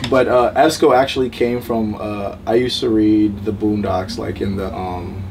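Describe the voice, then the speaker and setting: A young man from Cameroon, a rapper, talking about himself in a relaxed, rambling way with many fillers. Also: fairly low pitch, normal speed. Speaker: rapper guest. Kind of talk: casual interview. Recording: distant mic, faint noise.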